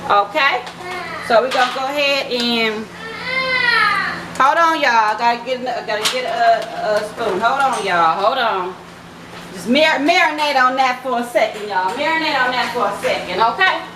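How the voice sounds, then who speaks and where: At a normal speed and with a voice on the high side, a woman hosts a relaxed home-kitchen cooking vlog, talking to viewers as "y'all" and "baby." Echo and background noise fill the recording.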